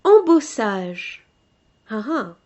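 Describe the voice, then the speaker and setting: A French woman with a fairly high voice teaches vocabulary at an unhurried pace. She reads each term out, then explains it casually and throws in the odd joke. Her delivery is loose and chatty rather than scripted. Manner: reads out terms, then explains them in a relaxed, joking way. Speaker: podcast host teaching textile vocabulary. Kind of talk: casual spoken vocabulary lesson.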